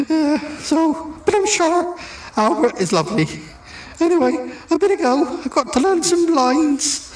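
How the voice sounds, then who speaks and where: A woman doing a giggly, dithering stage actor. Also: high voice. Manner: rambling, hesitant, giggling. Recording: roomy echo.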